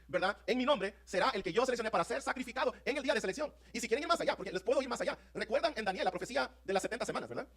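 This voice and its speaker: Fast, high-voiced man preaching a sermon. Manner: fervent, rapid preaching with rising emphatic peaks; addresses congregation as brothers, asks "¿están conmigo?". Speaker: pastor. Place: church sanctuary.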